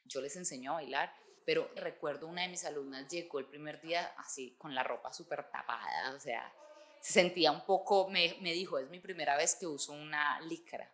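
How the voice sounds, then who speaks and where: A woman's voice: low-pitched, a little fast, fairly bright tone. A woman in her twenties with a Colombian accent, talking expressively in a documentary interview. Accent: Colombian Spanish. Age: 20s. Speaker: football fan and dance teacher.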